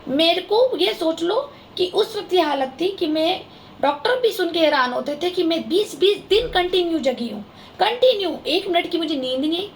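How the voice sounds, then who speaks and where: A woman's voice: extremely high pitch, animated, normal speed, a little hiss or hum. A woman vlogger speaking straight to her viewers in an aggrieved, impassioned and accusing monologue. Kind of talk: emotional vlog monologue to viewers.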